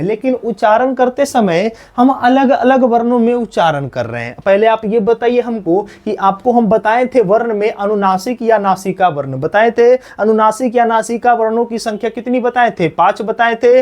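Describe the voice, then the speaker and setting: Man teaching, quizzing and answering himself. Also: sits high. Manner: asks questions and answers them himself, repeating key words. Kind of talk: exam-prep grammar lesson.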